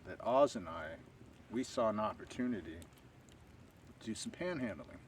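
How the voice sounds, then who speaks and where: Low-voiced guy rambling slowly through a story, camera kinda far off outside, faint noise behind. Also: animated. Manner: rambling, unhurried, with frequent fillers. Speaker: stealth camping vlogger. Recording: distant outdoor camera audio with faint ambient noise.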